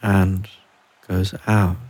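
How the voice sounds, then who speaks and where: A man guiding a relaxation and breathing meditation, speaking softly and unhurriedly with long pauses between phrases. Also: low voice, flat delivery. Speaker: meditation guide. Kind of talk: guided relaxation.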